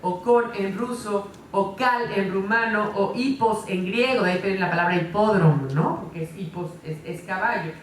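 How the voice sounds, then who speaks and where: A woman lectures a conference audience in a lively, chatty way, checking in with quick tag questions. Her voice sits in a middling range. It carries from some distance off the mic in a roomy, echoing hall with faint background noise. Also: mid-range voice. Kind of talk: conference talk.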